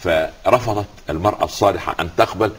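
An Islamic scholar with an Egyptian accent gives a religious talk, telling stories, quoting scripture, and asking rhetorical questions. His fairly low voice has a breathy edge and comes out rapid-fire.

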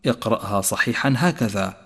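A man teaching Quran recitation rules, explaining calmly and chanting the examples slowly. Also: lowish voice, creaky, slightly rough. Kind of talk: tajweed lesson with slow recited examples. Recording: long reverb.

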